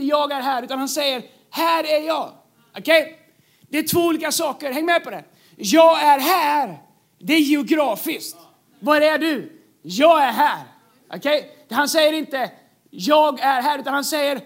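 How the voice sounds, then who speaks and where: A man's voice: extremely high pitch, a bit bright. A man preaching a sermon as pastor, emphatic and repeating key phrases, joking with the congregation in a church.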